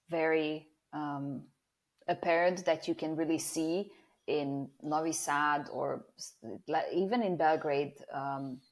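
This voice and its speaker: Casting: woman from Serbia's Vojvodina, low voice, hesitant and filler-heavy interview guest. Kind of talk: casual interview chat.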